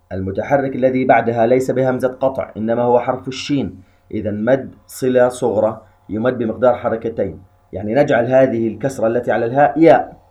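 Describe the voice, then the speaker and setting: A man teaching Quran recitation rules in a measured, patient way, slowly chanting short verse examples between his explanations. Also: mid-range voice, dark tone, lo-fi sound.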